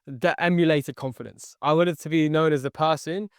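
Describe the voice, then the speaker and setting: With a fairly high, clear and resonant voice at a steady, normal pace, a young man earnestly tells his life story as a podcast guest, repeating phrases and frequently saying "okay." He is a sales entrepreneur whose first language was Tagalog, born near London and raised in the Philippines. The studio sound is clean, with no room sound.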